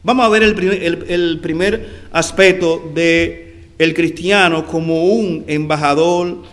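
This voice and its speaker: A man preaching a sermon, addressing listeners as brother, stretching out key words for emphasis and letting phrases sink low at the ends. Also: fairly even intonation, a bit bright. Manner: preaching with slow drawn-out emphasis and sinking phrase endings.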